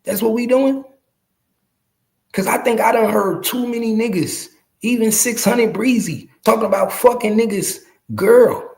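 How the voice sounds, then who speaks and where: A podcast host in his early forties talks to his viewers in a high, gravelly voice at an unhurried pace. His street commentary is casual and slangy, emphatic and profane, and he repeats phrases to hammer them home.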